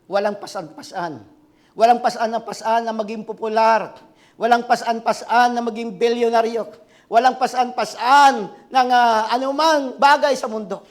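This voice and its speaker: A man in his sixties preaching a sermon as pastor, swinging from shouted climaxes to quiet asides and asking the congregation for responses. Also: sits high. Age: 60s.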